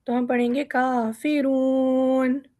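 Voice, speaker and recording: A woman with a high voice leads a recitation lesson and stretches each verse out slowly. She explains the pronunciation patiently, step by step. The recording is dry, with no room sound. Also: flat delivery, warm tone, dry recording. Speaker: Quran recitation teacher.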